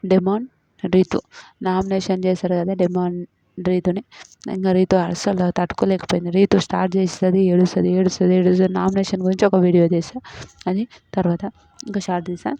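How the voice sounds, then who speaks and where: A woman's voice: on the low side, completely flat delivery, brisk, vocal fry, warm tone, no room sound, rough recording. A young woman, chatting casually as a YouTube reviewer about a reality show and retelling quarrels with quoted lines.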